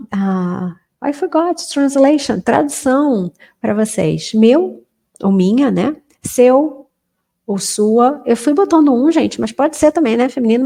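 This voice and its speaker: A Portuguese-speaking woman gives a relaxed, chatty English lesson for beginners and drags out each example sentence slowly and clearly. Her voice sits a little high, has a mellow, darker tone, and carries a steady gravelly fry. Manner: chatty, informal, slows down to model English sentences. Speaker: English teacher.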